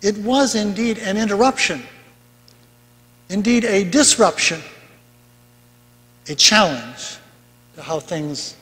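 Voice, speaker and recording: Older male preacher, high voice, church echo. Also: lively intonation, slow pace, pauses often, a bit bright. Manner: conversational preaching with asides and rising emphasis. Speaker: pastor. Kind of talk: sermon. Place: large bright church sanctuary. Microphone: pulpit mic from far camera. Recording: long church reverb.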